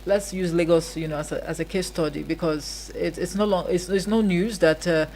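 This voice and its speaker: A Nigerian woman hosting a radio interview, asking long, measured questions with frequent fillers. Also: fairly low pitch, steady tone, warm tone, slight background noise, poor audio. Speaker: radio show host.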